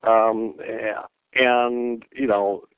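A man's voice: mid-range voice, steady tone, smooth, dry recording. Man on a tinny phone line. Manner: halting, thoughtful, many fillers. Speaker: podcast co-host. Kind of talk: casual chat.

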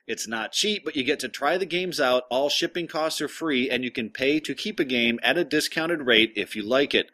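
A man hosting a casual podcast with halting delivery, sounding inside a fishbowl through a headset earpiece in a large room. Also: medium pitch, a bit bright. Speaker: podcast host. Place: large echoey room, travelling. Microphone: portable headset earpiece.

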